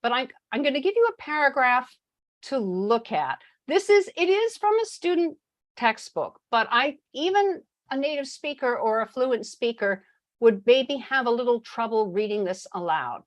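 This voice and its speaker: Animated woman leading an online workshop. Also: on the high side, moderate pace. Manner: animated, chatty, laughs easily. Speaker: teacher trainer. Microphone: video call microphone.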